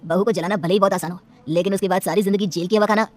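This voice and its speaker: A woman voicing a stern doctor in a cartoon story, speaking low and firmly. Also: fairly even intonation, very fast, darkish tone, close to an everyday voice.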